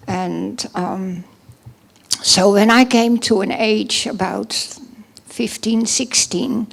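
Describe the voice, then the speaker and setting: A middle-aged Dutch woman from the Netherlands gives a personal testimony at a church service with a Dutch accent. She speaks haltingly, pausing and restarting often, in a creaky medium-pitched voice.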